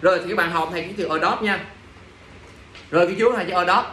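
A young man teaches English vocabulary to a class, drilling words and firing questions at students. His voice sits high and he sounds worn out by their mistakes. The recording picks him up from across an echoey classroom, with a faint hum of room noise behind him. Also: fast talker, pushed and bright, distant mic. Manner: drills pronunciation, quizzes students, exasperated asides.

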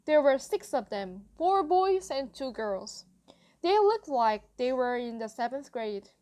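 A woman narrating a novel in the first person as an audiobook reader, with measured storytelling. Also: sits high, very animated, dark tone.

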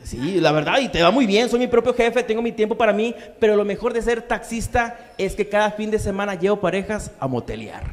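A man's voice: high-pitched, brisk, few pauses. A man doing a crude, slang-heavy stand-up comedy set on stage in a comedy bar. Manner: crude, slangy punchlines with acted-out quotes. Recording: live club with long reverb.

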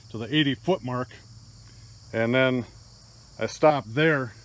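Crickets and insects fill the background as an older Michigan hunting vlogger walks a rural field with his phone camera. He explains the DIY process plainly and practically, in a medium-pitched, matter-of-fact voice.

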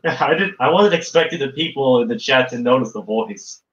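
A man's voice: medium pitch, expressive, moderate pace, fairly bright tone, highs cut off. A young man co-hosting a livestream, chatting in an eager, rambling way. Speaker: livestream co-host. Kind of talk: casual livestream chat.

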